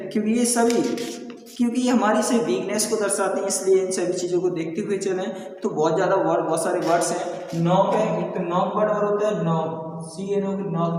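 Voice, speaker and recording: A man's voice: sits high, a little hiss or hum. A man teaching an English pronunciation lesson, repeatedly quizzing his students and addressing them affectionately as children. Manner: repeats questions to students, calls them beta. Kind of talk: classroom lesson on silent letters. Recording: echoey classroom from far off.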